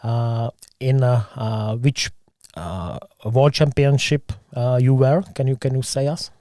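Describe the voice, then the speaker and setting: A man whose first language is Czech hosts a casual interview in halting English, with many pauses and fillers. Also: medium pitch, steady tone, dark tone, dry recording, studio quality. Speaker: podcast host.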